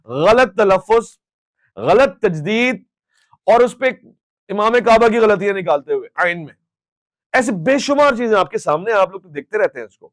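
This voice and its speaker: Impassioned high-voiced male host. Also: animated, no room sound. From Pakistan. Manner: impassioned, scolding, switches into English phrases. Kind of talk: public Q&A answer.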